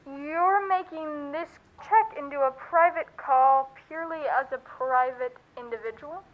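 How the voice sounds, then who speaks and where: A woman's voice: sits high, measured pace. A woman playing an officious, formal telephone operator in a suspense radio play, with dull, muffled sound. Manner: formal, bureaucratic.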